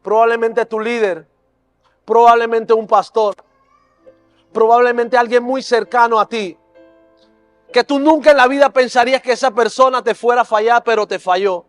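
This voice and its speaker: A man with a notably high voice delivers a sermon testimony at a church service. He speaks earnestly and emotionally, building toward fervent preaching. Soft music plays faintly behind him. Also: steady tone, normal speed. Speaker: preacher and youth leader.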